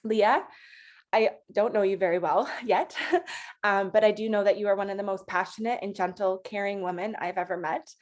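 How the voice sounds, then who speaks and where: A woman at a middle pitch talks to her sales team in a heartfelt thank-you speech. Her delivery is loose and chatty, full of fillers and affectionate asides, like someone speaking off the cuff rather than from a script. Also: steady tone, normal speed, muffled recording.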